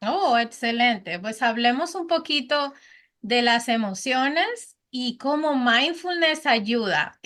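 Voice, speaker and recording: A woman's voice: high voice, lively intonation, takes it slowly, a bit bright. A woman hosting an interview podcast, chatty and informal, asking rambling stacked questions. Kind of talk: casual interview.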